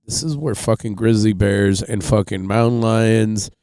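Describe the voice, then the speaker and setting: A man's voice: lowish voice, fairly even intonation, measured pace, warm tone, clean tone, no echo. A man telling a rambling, profane story on a casual podcast, full of fillers. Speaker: podcast host.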